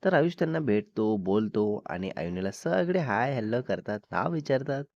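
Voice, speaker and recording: A man's voice: medium pitch, big pitch swings, normal speed, a little mellow, no echo. Man, Marathi accent, storyteller, conversational, mixes in English words, dull lo-fi audio. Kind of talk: serialized romantic story narration.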